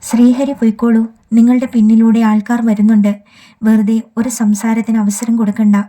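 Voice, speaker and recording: A woman reading an audiobook, voicing a composed older colleague who gives hushed, firm advice. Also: a little high, level tone, a little fast, lightly acted. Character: composed woman mentor, quietly guiding.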